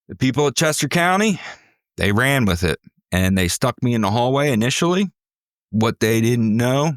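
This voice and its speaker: A man, a podcast guest, recounting a personal ordeal in vivid, intense storytelling with sudden jumps in pitch. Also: a bit bright, dry recording, studio quality.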